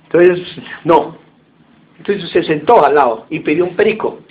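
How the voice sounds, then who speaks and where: A male pastor with a notably high voice preaches and tells stories, acting out each quote as he goes. The sound is thin and phone-like, with a faint hiss underneath. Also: moderate pace. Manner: anecdotal, animated storytelling with voiced quotes. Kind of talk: sermon.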